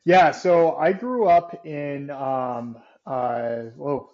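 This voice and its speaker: A man with a faded Southern accent and a fairly high voice, talking as a podcast guest. He tells stories casually, with lots of fillers and frequent laughs. His audio sounds slightly muffled, like a remote call. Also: extremely slow, a little mellow. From Savannah, Georgia. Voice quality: chatty, laughs often, filler-heavy storytelling. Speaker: podcast guest, real estate investor. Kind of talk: casual interview chat.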